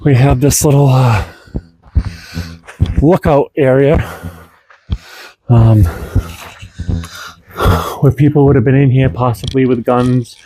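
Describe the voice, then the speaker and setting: Mellow-voiced man giving a casual walkthrough. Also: medium pitch, steady tone, takes it slowly, pauses often. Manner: chatty, addresses viewers as folks and guys, many ums. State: out of breath. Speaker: host exploring an old fort. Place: outdoors at an old coastal fort.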